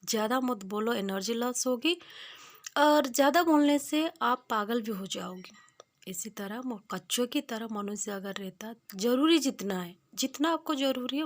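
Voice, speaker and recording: A woman's voice: fairly high pitch, a bit bright. A young woman narrating a casual village vlog, homely and repetitive as she draws simple life lessons. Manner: homely, repeats points, moralizing. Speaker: village vlogger. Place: village home outdoors.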